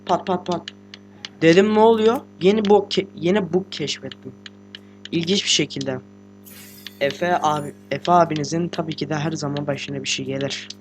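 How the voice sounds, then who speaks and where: A teenage boy, a gaming host, giving casual let's-play commentary while sick and talking quietly, chatty, slangy and joking with swearing. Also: on the high side, moderate pace, slight background noise. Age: teens. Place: room at home with a computer.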